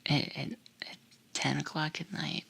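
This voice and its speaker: A woman whispers an ASMR bedtime talk close to the ear. Her hushed voice is very breathy and low, with a creaky edge. She takes her time, gentle and soothing throughout. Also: little pitch movement, measured pace. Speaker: ASMR creator and host.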